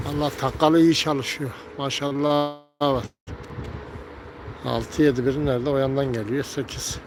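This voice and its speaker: A man talking casually as he flies and tends his pigeons, calling them back and scolding loudly, recorded outdoors by a coop. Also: on the high side, a little hiss or hum. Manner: calls birds with repeated gel, gel and whistles, scolds loudly. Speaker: pigeon keeper. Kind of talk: casual narration while tending pigeons.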